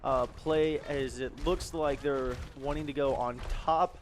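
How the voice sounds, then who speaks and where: A man's voice: mid-range voice, fairly even intonation, measured pace, a little hiss or hum. A young man giving casual, analytical color commentary on an esports match. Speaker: esports caster.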